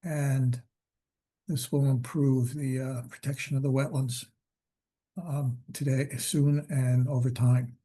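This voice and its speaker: A man chairing a public commission meeting by video call, talking in a halting way with many fillers, his voice worn from losing it. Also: medium pitch, little pitch movement, dark tone.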